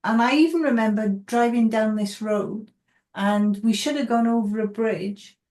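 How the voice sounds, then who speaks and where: A woman facilitating a casual conversation, telling stories in an excitable way, recorded in an echoey room. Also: on the high side, normal speed. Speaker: group facilitator.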